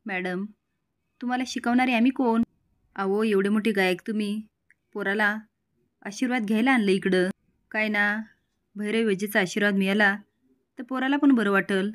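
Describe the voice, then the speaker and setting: A woman's voice: mid-range voice, moderate pace, long pauses, natural voice. A woman voicing a brash, scheming village father who talks in a blunt, swaggering rustic way, in a spoken serial recap.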